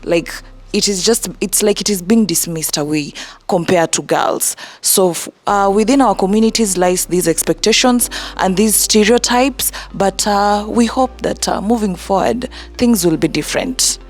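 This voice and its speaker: A young woman from Kenya, a youth advocate speaking in an earnest, measured way in a group discussion. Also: mid-range voice, a little mellow, faint music behind. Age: young adult.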